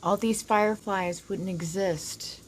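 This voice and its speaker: A woman's voice: medium pitch, fairly even intonation, takes it slowly, slight background noise, low-quality recording. A woman with a whistling s, giving a casual, rambling oracle card reading to viewers, informal and happy to swear. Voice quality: whistling s from dental work. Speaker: oracle card reader, host.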